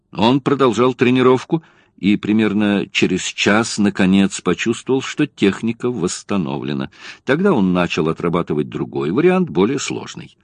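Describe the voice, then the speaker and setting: A man narrating an audiobook in a measured, expressive storytelling manner, close to the mic. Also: sits low, no echo. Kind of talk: scripted narration.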